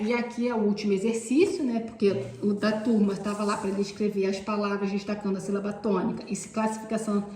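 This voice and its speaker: A woman's voice: on the high side, a little mellow, roomy sound, a little hiss or hum. A woman teacher, explaining classroom activities step by step and often pointing things out. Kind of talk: instructional explanation.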